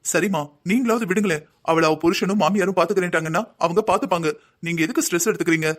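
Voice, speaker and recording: Calm young husband, voiced by a man. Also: high-pitched, racing. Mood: soothing. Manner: calm, reasoning. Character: young husband and son, patient and soothing. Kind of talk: Tamil cartoon drama voicing.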